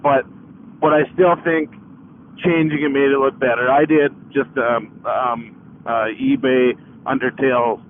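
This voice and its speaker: A man chatting casually and ramblingly as a motovlogger, talking from inside his motorcycle helmet while riding. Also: medium pitch. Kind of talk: casual, rambling vlog talk. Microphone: helmet mic. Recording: muffled, phone-like helmet mic with noise.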